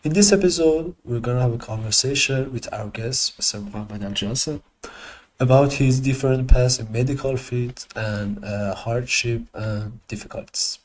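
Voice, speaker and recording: A man hosting a video podcast, asking questions in a halting way with fillers. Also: mid-range voice, low-quality recording. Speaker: host. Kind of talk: casual interview.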